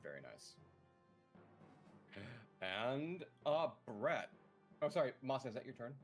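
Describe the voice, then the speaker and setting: Male dungeon master, animated, expressive pitch, casual swearing. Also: slow, faint music behind. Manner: animated, swears freely, narrates combat. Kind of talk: running a tabletop game, casual.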